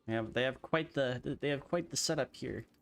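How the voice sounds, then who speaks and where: A man's voice: medium pitch, brisk, vocal fry. A man hosting a game stream, bantering with friends, laughing and swearing freely. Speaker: streamer host. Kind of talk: casual gaming chat.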